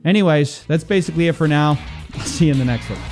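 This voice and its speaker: A man's voice: a little high, fast talker. A man speaking straight to camera in a commentary video, exasperated and incredulous as he calls people out, with faint music underneath. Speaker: online investigative commentator.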